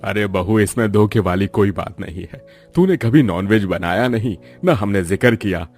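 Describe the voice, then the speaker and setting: A man voicing a patient elderly father-in-law in a cartoon story, calm and reassuring. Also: on the low side, normal speed, faint music behind.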